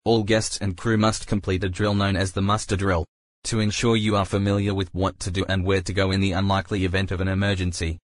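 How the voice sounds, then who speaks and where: A man reading a scripted safety announcement in a formal, measured manner. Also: sits low, little pitch movement, no room sound, studio quality.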